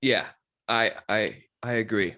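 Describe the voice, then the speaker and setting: A man co-hosting a fight podcast in casual chat, reacting with excited emphasis. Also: fairly low pitch, measured pace. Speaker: podcast co-host.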